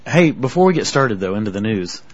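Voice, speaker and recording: A man co-hosting a podcast in a relaxed, casual chat. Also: fairly low pitch, brisk, husky. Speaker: podcast co-host. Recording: dull lo-fi podcast audio.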